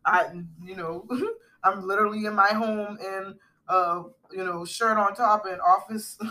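A woman's voice: medium pitch, fairly even intonation, unhurried, sharp tone. A middle-aged woman co-hosting a podcast in casual chat, rambling with fillers and restarts. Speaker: podcast co-host.

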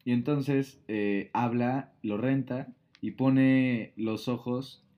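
A man's voice: mid-range voice, steady tone, takes it slowly, muffled recording. A man, casually retelling a film plot on a podcast, full of fillers and quoted lines. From Mexico. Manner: storytelling with many fillers. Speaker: podcast co-host.

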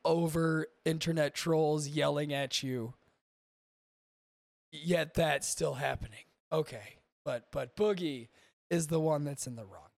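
A man's voice: on the high side, slow pace, gravelly, darkish tone, dry recording. A male podcast host giving casual, profane, exasperated reaction commentary.

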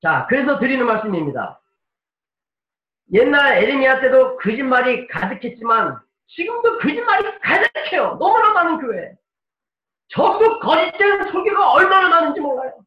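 A male pastor preaching a dramatic sermon, moving between soft pleading and forceful shouting. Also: very high voice, very animated, moderate pace, lo-fi sound. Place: church sanctuary. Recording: echoey room, mic at a distance.

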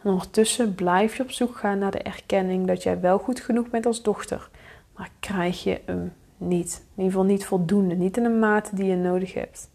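This coach hosts her podcast alone, in a steady, warm, creaky voice at a moderate pace. She speaks straight to the listener in a confronting manner and mutters low when voicing inner thoughts.

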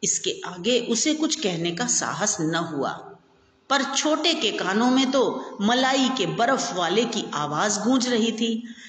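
A woman narrating a short story aloud in a measured storybook manner. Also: medium pitch, big pitch swings, fairly bright tone, a little hiss or hum. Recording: echoey, long hall reverb.

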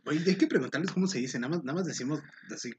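A man's voice: fairly high pitch, racing, a little mellow, slight background noise. A man with a Mexican accent co-hosting a podcast, joking and slangy, often apologizing. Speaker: podcast co-host. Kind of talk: casual podcast banter.

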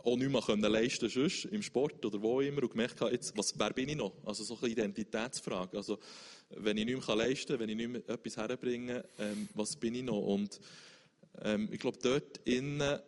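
As an interview guest, a man shares his faith story at an ordinary middle pitch, earnest and searching, often restarting sentences to find the right words. A long hall reverb trails after everything he says.

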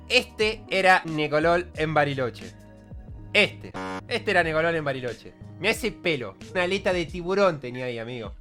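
A young Argentine man with a Rioplatense accent, telling a slangy, self-mocking story to his live chat. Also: fairly high pitch. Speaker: streamer.

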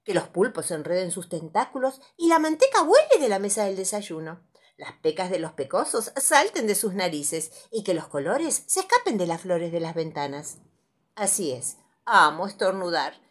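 A woman reading a playful children's story aloud in a dramatic, very expressive, breathy way. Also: lowish voice, normal speed.

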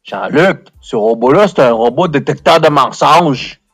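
A gruff, strict father with a Québécois accent who blusters and turns loud, as a man plays him, his voice gravelly. It is a homemade improvised story. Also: mid-range voice, lively intonation, a little slow, no room sound, clean studio sound, faint music behind. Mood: blustering. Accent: Québécois French.

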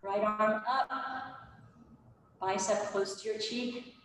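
A woman's voice: medium pitch, fairly even intonation, slow pace. A woman instructing a yoga class, calling out directive cues in short, clipped commands. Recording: very echoey hall, distant mic, background noise.

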